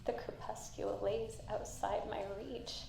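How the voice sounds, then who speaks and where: An ailing matriarch in a video game, stern yet motherly and tender. Her solemn voice is creaky and unhurried. It echoes through a crackling intercom speaker with static. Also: medium pitch, steady tone. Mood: tender, sorrowful. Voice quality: warm, tender. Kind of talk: dramatic video game voice acting. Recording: echoing, staticky intercom sound.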